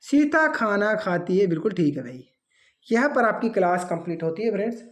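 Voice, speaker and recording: A woman's voice: medium pitch, sing-song, a little fast. A woman teaching an exam-prep grammar lesson, reading out answer options and then correcting them.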